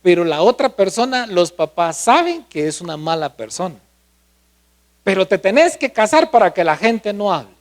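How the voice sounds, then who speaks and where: A man's voice: sits high, very animated, moderate pace. A male pastor preaching a sermon, often asking the congregation questions.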